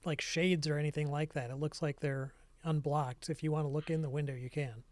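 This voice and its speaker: A man serves as game master, laying out rooms and rulings in a relaxed, searching way. His voice sits fairly high. The sound is dry and close, with no room around it. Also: brisk, no room sound. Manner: relaxed, descriptive, thinks aloud. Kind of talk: narrating a tabletop game.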